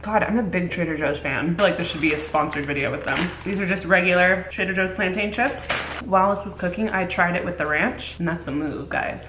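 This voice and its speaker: A woman talks casually to her camera in a rather low voice, sprinkling her talk with "like" and quick asides. There is clear background noise behind her, with traffic and car sounds. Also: a bit bright, rough recording. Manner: chatty, filler-heavy with frequent "like". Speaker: vlogger.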